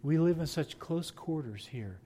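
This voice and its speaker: Man telling stories in a mellow voice. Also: a little high, lively intonation, measured pace, breathy edge. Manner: folksy anecdotal storytelling with laughs. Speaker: pastor and seminary teacher. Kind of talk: storytelling interview answer.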